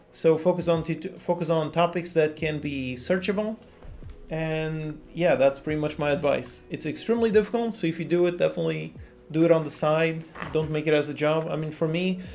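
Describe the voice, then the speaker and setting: A Portuguese man in his thirties, speaking with a Portuguese accent, works on a game during a livestream from his indoor home office, relaxed as he reads chat questions aloud and answers them frankly. His voice is fairly high and creaky, with quiet lofi music underneath.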